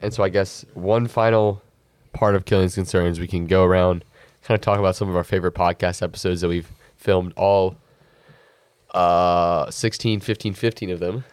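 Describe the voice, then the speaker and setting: A man's voice: low voice, fairly even intonation, moderate pace, dry recording. A young man in his late teens co-hosting a student podcast, talking in a reflective, earnest way with lots of "you know" fillers. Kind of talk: casual podcast chat.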